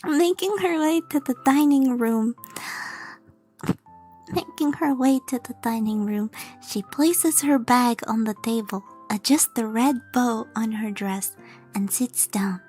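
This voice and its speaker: A woman's voice: on the high side, takes it slowly, a little mellow, faint music behind. A woman VTuber reading comedic fan fiction aloud, stumbling over lines and correcting herself. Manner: stumbling, self-correcting, laughing reader.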